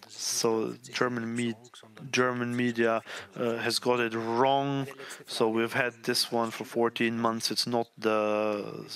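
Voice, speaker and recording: A man interpreting live at a press conference, halting and restarting often. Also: medium pitch, fairly bright tone.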